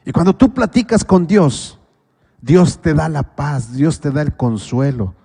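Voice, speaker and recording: A man with a Mexican accent preaches a sermon, his voice sitting a little high. He peppers it with rhetorical questions and moves between loud pleading and low, quiet asides. The long reverb of a church hall trails each phrase. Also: big pitch swings, unhurried, gravelly, slightly rough. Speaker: pastor.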